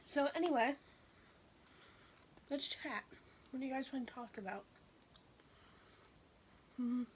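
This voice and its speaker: A woman with a high voice chats to her viewers in an unhurried, easygoing way as she eats. She talks between bites during a casual mukbang vlog, with a faint hiss behind her. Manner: chatty, speaks between bites. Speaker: vlogger. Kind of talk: casual mukbang chat while eating.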